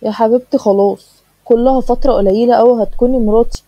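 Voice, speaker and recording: A woman voicing a gentle, placating young fiancé with an Egyptian accent. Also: on the high side, fairly even intonation, fast talker, no echo. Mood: soothing. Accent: Egyptian Arabic. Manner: soothing, dismissive. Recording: dull dry lo-fi recording.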